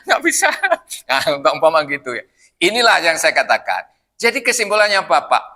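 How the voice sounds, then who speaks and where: A man's voice: high-pitched, sharp tone. An older man preaching in a mosque, joking with the congregation and firing questions at them. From Indonesia. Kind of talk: sermon.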